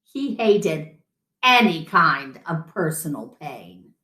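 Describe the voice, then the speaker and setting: A middle-aged woman acts as a story time host, reading a children's picture book aloud in a small room at home. Her low voice is sing-song, slow and sharp in tone. A camera mic a few feet away captures the room's echo.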